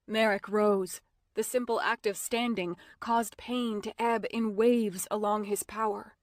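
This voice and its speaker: Slow, measured woman audiobook narrator. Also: mid-range voice, no echo, clean studio sound. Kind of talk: first-person audiobook narration.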